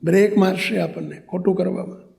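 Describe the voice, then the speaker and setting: A monk delivers a sermon as a story, close and intimate. His voice sits high for a man and carries a gravelly rasp. He slips into the people of his stories as he talks. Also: brisk, darkish tone. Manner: narrates intimately, acting out dialogue in higher voices.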